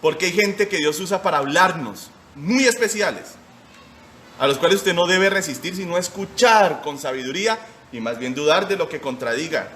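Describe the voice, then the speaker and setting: A man's voice: a little high, expressive, normal speed, fairly bright tone, slight background noise. A man in his forties preaching a short sermon as pastor, emphatic and firing rhetorical questions at his listeners. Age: 40s.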